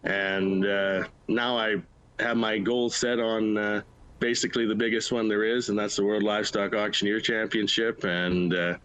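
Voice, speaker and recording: A man's voice: lowish voice, flat delivery, normal speed, a bit bright, clear, resonant tone, rough recording. A middle-aged man with a Canadian Prairie accent, answering interview questions in a plain-spoken way, in short bursts. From Manitoba, Canada. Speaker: livestock auctioneer, interview guest. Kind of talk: casual interview conversation.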